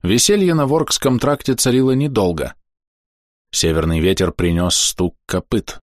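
A man reading a fantasy novel aloud as an audiobook narrator, measured and expressive, slowing down for dramatic moments. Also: fairly low pitch, no room sound, clean studio sound. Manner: measured, expressive storytelling with slowed dramatic pauses.

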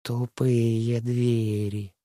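Slow, dark-voiced woman listener. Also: extremely low pitch, little pitch movement, no echo, clean studio sound. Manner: brief, slow replies.

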